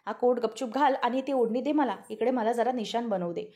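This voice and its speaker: A woman voicing a quick-tempered rich young man who scolds and loses patience, in a spoken TV serial recap. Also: on the high side, warm tone, natural voice. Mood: irritated. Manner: scolding, impatient.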